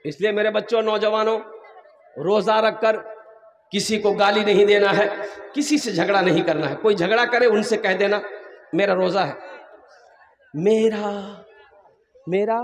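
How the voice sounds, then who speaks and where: A man's voice: high voice, moderate pace. A male preacher giving a humorous sermon, teasing the audience as he goes. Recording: echoey hall, far from mic.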